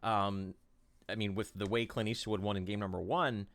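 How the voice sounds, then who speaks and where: A man casting a live esports final, talking fast and loosely through the picks with plenty of fillers and excited jumps. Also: on the low side. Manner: rambling, excitable play-by-play with fillers. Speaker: esports caster.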